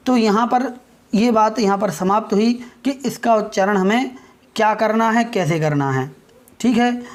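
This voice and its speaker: A woman, teaching a pronunciation lesson. She talks very slowly, in a voice that sits a little high. She keeps checking in with her listeners and draws sounds out to demonstrate them. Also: darkish tone. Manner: slow and explanatory, often checks in with listeners; spells out and drawls sounds for demonstration.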